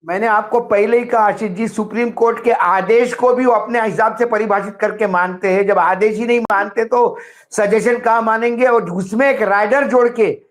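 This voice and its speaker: High-voiced man in animated political talk. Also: moderate pace. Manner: animated, storytelling with acted quotes. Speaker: political commentator. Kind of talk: political discussion.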